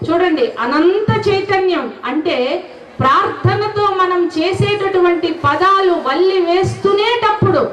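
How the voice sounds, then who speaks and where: A spiritual speaker gives a devotional talk with sung verses to a gathering, speaking earnestly and repeatedly questioning her listeners. Her very high-pitched voice is a little slow and a bit bright, with slight background noise in an echoey, distant, dull hall recording.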